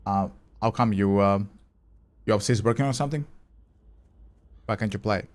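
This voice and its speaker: A man with a lowish voice and a moderate pace provides casual commentary on a live game stream. He thinks through his play aloud, replies to viewer chat, and swears occasionally.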